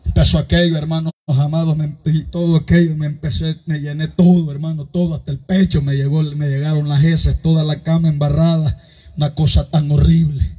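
A pastor preaches a fervent sermon in a strong, slightly high voice, keeping a level tone and a brisk pace. He keeps calling out to his "brothers" with impassioned energy. The audio sounds dull.

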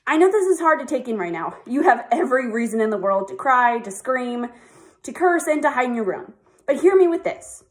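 A woman's voice: high-pitched, very animated, brisk. A teenage girl on a yearbook staff, giving an earnest, upbeat video address and reading a heartfelt speech. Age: teens.

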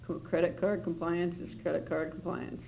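With a flat, vocal-fried delivery at moderate pace and medium pitch, the staffer addresses a board at a public meeting, meandering and fixing their own words while offering reassurance. Slight background noise and faint ambience color the tinny, lo-fi capture of the meeting room.

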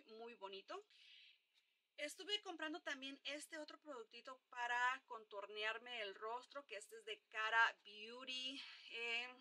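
A woman's voice: a little high, bright, forceful tone. A young woman, chatting casually through a makeup review with lots of hesitant fillers. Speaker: makeup vlogger. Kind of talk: casual product review chat.

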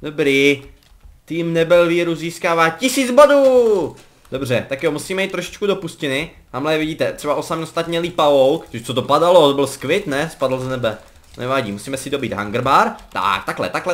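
A young man giving casual, joking commentary over a game he is playing, rambling along and breaking into excited yelps. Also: medium pitch. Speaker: gaming commentator.

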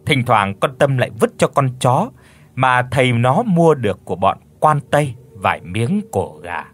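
A man narrating a ghost story in an expressive, dramatic storyteller style. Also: medium pitch, normal speed, faint music behind.

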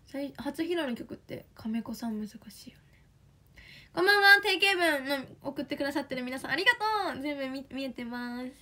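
A young woman with a Kansai accent, chatting excitedly on a livestream as an idol, reading fan comments. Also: high voice. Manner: chatty, excitable, quick bursts of enthusiasm.

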